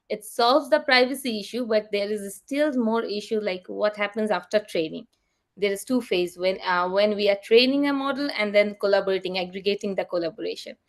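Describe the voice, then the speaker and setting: A woman researcher giving an invited talk over a video call, explaining in an earnest, halting way. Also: medium pitch.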